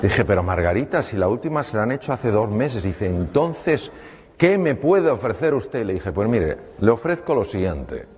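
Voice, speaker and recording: A middle-aged man, a doctor telling an anecdote to an audience and acting out the dialogue with pauses. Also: fairly low pitch, big pitch swings, a little mellow, husky. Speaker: doctor giving a talk. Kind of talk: storytelling talk to an audience. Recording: hall reverb with faint room noise.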